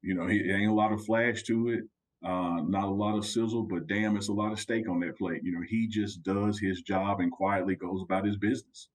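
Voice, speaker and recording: A man's voice: lowish voice, fairly even intonation, a little fast, rough recording. A man with a Southern US accent and a folksy drawl, chatting casually about sports as a commentator on a talk show.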